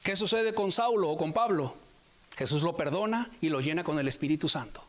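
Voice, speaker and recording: A man preaching a sermon, emphatic and repetitive, drawing key phrases out slowly. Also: on the high side, lively intonation.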